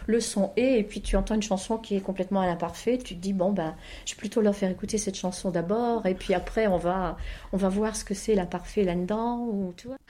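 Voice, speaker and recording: A woman talks like a teacher explaining her work in a casual interview. Her voice is mellow and sits at a middling pitch. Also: a little fast. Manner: informal, explanatory. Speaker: teacher of French to newcomers.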